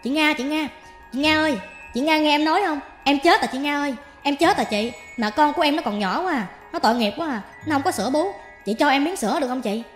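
A restless young ghost begs in a hushed, pleading voice, put on by a woman narrator. The voice sits high and moves fast. Faint music plays underneath. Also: roomy sound, long reverb tail, lightly acted. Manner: soft pleading calls.

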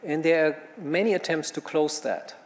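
Male panelist, gravelly, halting and thinking aloud, recorded in a reverberant hall. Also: fairly high pitch. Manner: thinking aloud, with many fillers and restarts. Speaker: panel speaker. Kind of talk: panel talk answering questions. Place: conference room. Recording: hall reverb with faint room noise.

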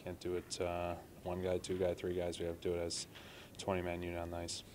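A man's voice: sits low, monotone, quick pace, heavy background noise. A man in his thirties, a hockey player, speaking earnestly to reporters after a game, with many "you know" fillers. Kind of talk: post-game media interview. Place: arena press room.

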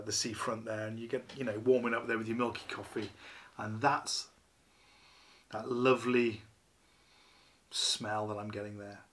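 A man in his fifties talks to camera from a small living room while he reviews a beer. He rambles, fills pauses with ums and you-knows, and pokes fun at himself. He is seated at a table, a short distance from the camera. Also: mid-range voice, sharp tone. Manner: chatty, rambling, self-deprecating, many ums and you-knows.

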